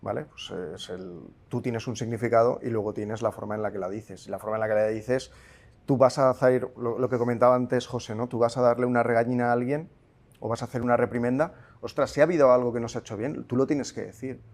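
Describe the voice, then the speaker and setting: A man's voice: medium pitch, steady tone, fast talker, darkish tone. Man explaining with stammering restarts. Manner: explains with stammers and repeated words. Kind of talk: casual conversation.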